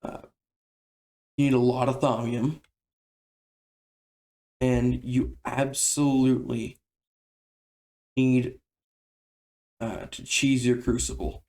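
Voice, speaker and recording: Gravelly-voiced man explaining a game. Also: medium pitch, slow, pauses often. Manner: relaxed, conversational explaining. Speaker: game tutorial creator. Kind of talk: casual game tutorial voice-over.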